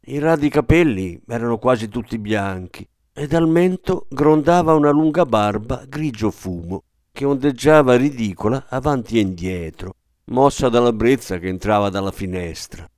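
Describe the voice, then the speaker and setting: A man's voice: medium pitch, a little mellow, no room sound. A man narrating a story expressively and performing each character's voice. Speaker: audiobook narrator. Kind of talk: scripted narration. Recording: dry close studio sound.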